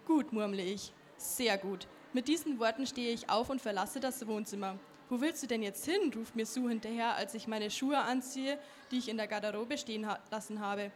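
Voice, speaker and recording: A woman's voice: on the high side, a little hiss or hum. A teenage girl reading aloud from her own novel in an earnest way, with a few small slips. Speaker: young author.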